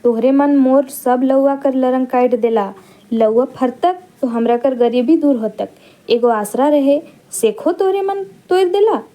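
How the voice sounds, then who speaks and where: A woman's voice: high-pitched, unhurried, mellow. A woman reading the part of a poor village boy who scolds a rat, in a lesson. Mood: scolding.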